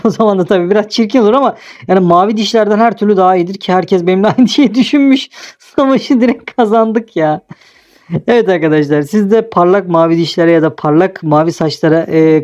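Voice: mid-range voice, darkish tone, dull audio. A young adult host casually commenting on a game he is playing, teasing and laughing often. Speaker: gaming video host.

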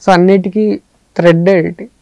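A film editor with a Telugu accent speaks in a mid-pitched voice with noticeable vocal fry. He answers thoughtfully and builds his points through comparisons. The sound is close and dry, with no room echo. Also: steady tone, a little fast, a little mellow, lo-fi sound. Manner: thoughtful, explains with metaphors, mixes in English phrases. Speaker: film editor, interview guest. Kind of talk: relaxed interview answers.

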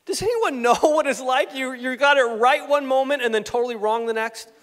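A man preaches a lively, conversational sermon with a notably high voice, tossing questions and asides to his congregation. His voice rings out with a long reverb in a church sanctuary. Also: fairly quick. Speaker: pastor.

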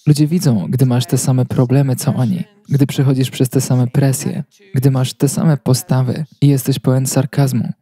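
Man, sermon voice-over, steady storytelling, mellow, slightly breathy. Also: mid-range voice, moderate pace, no room sound. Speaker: Polish voice-over translator of a sermon.

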